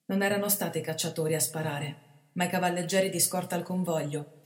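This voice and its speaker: A woman, an actress, reading a literary short story aloud in a measured, expressive narration. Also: fairly low pitch. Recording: reverberant hall.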